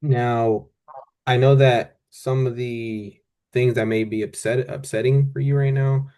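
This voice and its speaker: A man speaking as a calm, gentle therapist in a counselling role-play, asking questions in a halting, tentative way and often rephrasing. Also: medium pitch.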